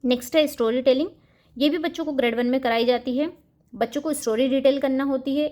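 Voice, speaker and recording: A woman hosting a home-schooling channel, explaining a first-grade English syllabus to parents and reading example sentences out slowly. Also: sits high, a little mellow. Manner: mixes Hindi with English words, reads example sentences slowly.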